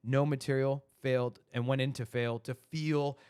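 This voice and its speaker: A man in his thirties hosts a relaxed podcast conversation. His voice is smooth and resonant at an ordinary pitch. He rambles, circling his point with constant fillers. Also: normal speed. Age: 30s. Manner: rambling, heavy use of "like" and "you know". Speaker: podcast host. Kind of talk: casual podcast chat.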